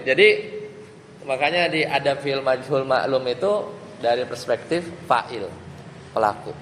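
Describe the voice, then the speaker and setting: A man's voice: medium pitch, a bit bright. A man teaching Arabic grammar to a class, explaining step by step and checking with questions. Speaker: Islamic teacher. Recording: long hall reverb, faint ambient noise.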